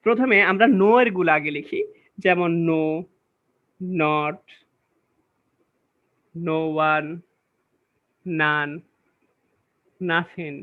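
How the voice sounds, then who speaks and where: A man's voice: fairly high pitch, extremely slow, long pauses. A man teaching English grammar in a classroom-style lecture, explaining step by step and checking that listeners follow. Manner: explains step by step, often checks understanding with questions. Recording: dull lo-fi recording.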